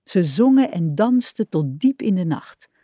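Slow, expressive woman reading a children's story. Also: on the low side, no room sound, studio quality. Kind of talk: reading a children's picture book aloud.

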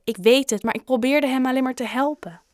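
A woman voicing an upset runaway boy in an audiobook, pitched up and defensive. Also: a little fast, darkish tone, no echo, studio quality, lightly acted. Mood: remorseful. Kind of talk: audiobook character reading.

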